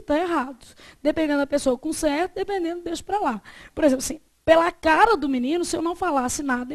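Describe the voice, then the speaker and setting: A woman with a Brazilian accent leads a grammar lesson in a high, light voice. She chats and jokes with the class and stretches out each example word slowly. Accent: Brazilian Portuguese. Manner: chatty, joking, drawn-out example words. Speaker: Portuguese teacher.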